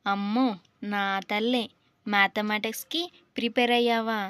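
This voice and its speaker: A woman's voice: fairly high pitch, steady tone, moderate pace, fairly bright tone, smooth, dry recording, close to an everyday voice. A woman voicing a patient, flustered middle-aged male exam invigilator who coaxes a crying student. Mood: coaxing. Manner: coaxing, fatherly.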